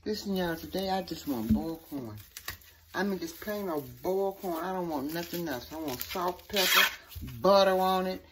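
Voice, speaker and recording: A woman's voice: on the low side, moderate pace, a bit bright. A woman hosting a home cooking show, talking folksy and chatty through each step in her kitchen. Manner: folksy, chatty, says "okay" often. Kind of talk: casual cooking demonstration. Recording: noisy home kitchen recording.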